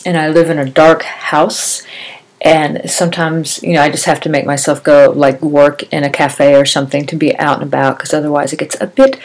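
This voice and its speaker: A middle-aged woman with a slightly low voice hosts a casual podcast on her own. She talks in an upbeat, rambling, chatty way. Braces make her articulation a touch slurred and wet. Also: flat delivery, moderate pace, poor audio. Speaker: podcast host. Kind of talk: casual solo podcast chat.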